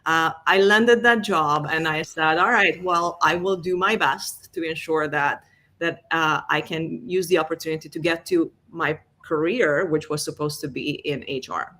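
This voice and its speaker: As a guest in an interview, a revenue enablement executive with a Hungarian accent describes her career in a conversational style, using a lot of fillers. She speaks at normal speed in a low voice that sounds pushed and bright.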